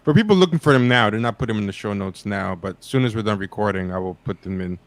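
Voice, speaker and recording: A man's voice: fairly low pitch, fast, no room sound. A man hosting a casual livestream podcast, talking loosely with fillers as he wraps up. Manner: relaxed, loose wrap-up talk with fillers. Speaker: podcast host.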